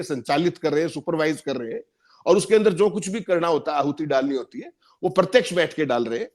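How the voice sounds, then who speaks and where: A man's voice: fairly high pitch, darkish tone. A man giving emphatic political commentary on a panel, repeating points for stress.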